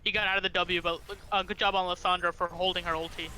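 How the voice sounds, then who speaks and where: Bright high-voiced male co-caster. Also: level tone, fast, a little hiss or hum, rough recording. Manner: casual agreeing color commentary, frequent "honestly" and "you know". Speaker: esports co-caster. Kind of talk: color commentary.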